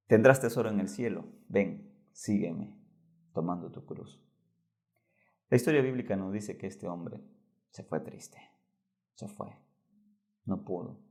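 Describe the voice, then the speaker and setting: A man preaching a Bible lesson as pastor, swinging between loud emphatic lines and hushed soft ones. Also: fairly low pitch, vocal fry.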